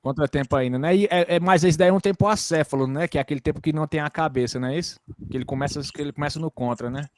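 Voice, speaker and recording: A man's voice: fairly high pitch, very fast, dry recording. A man on a video call asking questions about rhythm in a music lesson, with restarts and jokes. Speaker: music student. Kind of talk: casual questions in an online lesson.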